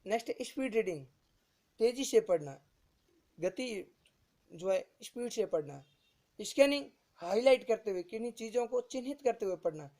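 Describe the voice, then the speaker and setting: A man with a high, animated, dark-toned voice gives an exam-prep lecture at a moderate pace with long pauses. He repeats every term, keeps posing rhetorical questions, and calls his listeners friends.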